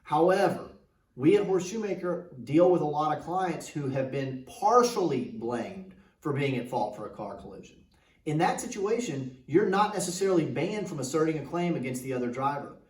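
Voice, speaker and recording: A man's voice: fairly high pitch, lively intonation, normal speed. A man giving legal advice in an injury lawyer ad, speaking instructively and directly to the viewer as an attorney. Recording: echoey room, distant microphone.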